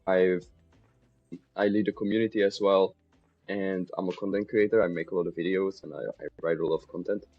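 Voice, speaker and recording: A man's voice: deep voice, level tone, a little fast, soft background music. Easygoing young man. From Czech Republic. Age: 20s. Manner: easygoing, chatty, laughs easily. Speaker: podcast guest, mindset coach. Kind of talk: casual interview chat. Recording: slightly dull lo-fi sound.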